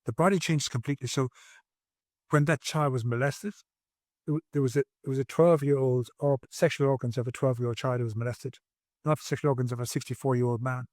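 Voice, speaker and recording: Telling his personal story earnestly as a podcast guest, a man in his sixties speaks from home over video, reflective and prone to restarting sentences. His voice is ordinary in pitch, darkish and fast with fairly even intonation, and the recording is dry with no room sound.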